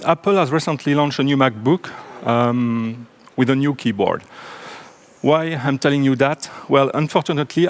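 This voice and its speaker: A man from French-speaking Belgium with a French accent, giving a technical conference talk from a stage in a relaxed, joking way with many ums and restarts. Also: mid-range voice. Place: large conference room on stage.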